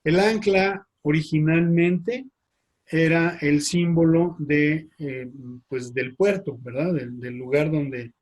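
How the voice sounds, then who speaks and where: Priest w/ mexican accent, slow careful lecture, lots of "eh" and "verdad". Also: male voice, on the high side. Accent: Mexican Spanish. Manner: slow, halting, with many fillers and tag questions. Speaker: priest teaching. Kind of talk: slide-based lecture.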